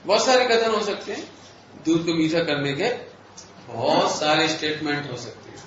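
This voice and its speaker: A man giving a philosophy lecture to a live audience, explaining slowly and deliberately, questioning his listeners in a playful, teasing way. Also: on the high side, a bit bright, a little hiss or hum. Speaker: religious lecturer. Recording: echoey hall, slightly dull audio.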